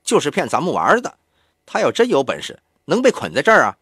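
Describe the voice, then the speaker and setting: A man reading an audiobook, voicing a hot-headed young man who taunts in a raised, sharp voice. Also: on the high side, huge pitch swings, quick pace, breathy edge, no room sound, clean studio sound, heavily acted. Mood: mocking.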